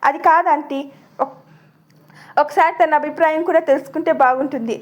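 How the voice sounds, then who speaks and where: A woman voicing a calm, principled young groom who speaks in a measured, respectful way. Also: sits high, highs cut off, close to an everyday voice. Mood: earnest.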